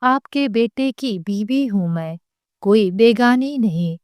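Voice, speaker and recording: A woman's voice: on the high side, lively intonation, takes it slowly, no room sound, studio quality. A woman voicing a bitter young daughter-in-law who talks in an angry, scornful way. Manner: shouting, scornful.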